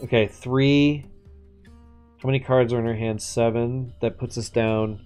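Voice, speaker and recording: A man's voice: medium pitch, steady tone, a little slow, a little mellow, smooth. Guy streaming a game, chatty and slangy, swears a bit, music in the background. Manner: casual slangy speech with swearing. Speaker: live streamer. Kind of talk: casual live game-stream commentary and chat.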